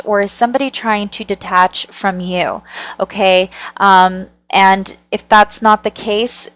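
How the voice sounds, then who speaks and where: A woman's voice: mid-range voice, no echo. Chatty woman tarot reader, dry sound. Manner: chatty, conversational, often checking in with the listener; speaks with nervous amusement and frequent laughter. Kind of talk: channeled tarot reading monologue.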